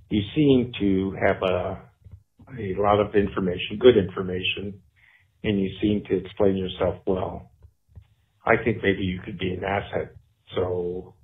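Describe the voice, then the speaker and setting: Low-voiced man in a tinny voicemail. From California. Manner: easygoing and earnest, signs off breezily. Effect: voicemail message played over a phone line. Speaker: caller leaving a voicemail. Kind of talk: casual voicemail message. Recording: tinny phone-line voicemail.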